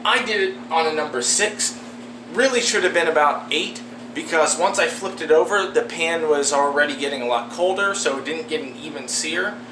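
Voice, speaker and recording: A man's voice: on the high side, moderate pace. An American man, around his thirties, chatting casually to camera as he cooks, in a laid-back, candid way with some swearing. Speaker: amateur cooking vlogger. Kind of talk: casual chat, talking through cooking to camera. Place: small home kitchen, indoors. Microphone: camera a step or two away. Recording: roomy, distant camera mic, noisy hum.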